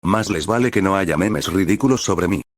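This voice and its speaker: A man's voice: deep voice, animated, normal speed, no echo, studio quality. A man reading a cold, elegant demon lord. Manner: curt and disdainful.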